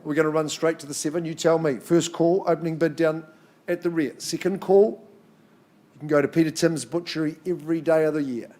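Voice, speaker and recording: Higher-voiced man calling a live property auction. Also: steady tone, quick pace, a little mellow. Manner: chatty patter between clipped, repeated number calls. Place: in-room auction.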